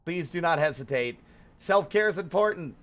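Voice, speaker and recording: A man hosts a livestream, chatting casually in a playful, theatrical way as he rambles between greetings and exclamations. His voice sits a little high and fairly bright, with lively intonation and a moderate pace.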